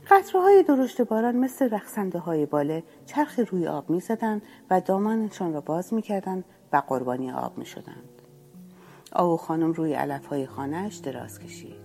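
A woman narrating a children's story in a lively, expressive way. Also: low voice, vocal fry.

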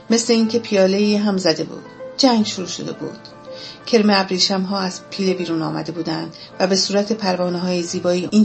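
A woman narrating a children's animal fable, reading in a steady, expressive storytelling voice at a middling pitch. Soft music plays faintly underneath. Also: creaky.

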